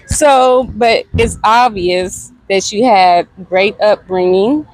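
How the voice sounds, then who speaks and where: A woman's voice: mid-range voice, slow pace, a little mellow, no echo, poor audio. A woman hosting an outdoor interview in front of a restaurant, affirming her guest and restating her answers back to her. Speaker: podcast host interviewer. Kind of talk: on-location interview.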